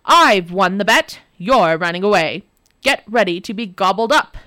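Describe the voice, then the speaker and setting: A spiteful male water demon from a storybook, grumbling and shouting his threats, as a woman reads him aloud. His voice stays loud and gruff, with lively swings in pitch. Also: normal speed, dry recording. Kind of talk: storybook reading.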